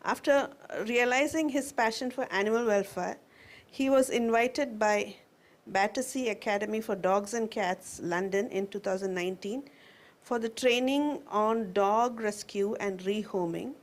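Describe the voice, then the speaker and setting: A woman's voice: mid-range voice, a little slow. A woman formally reading out a scripted introduction as an event host.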